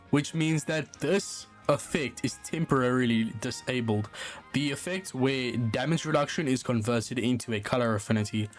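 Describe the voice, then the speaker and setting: A man with a South African accent hosting a gaming channel, casually walking through a team strategy with frequent filler words. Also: mid-range voice. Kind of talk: game strategy walkthrough. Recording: voice-over with faint guitar music underneath. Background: faint background music.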